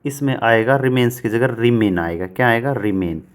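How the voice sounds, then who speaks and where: A man teaching English grammar for exam prep in Hindi, who asks questions and answers them himself and reads example sentences out slowly, word by word. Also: mid-range voice, animated, clear, resonant tone. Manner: asks and answers his own questions, repeats answers.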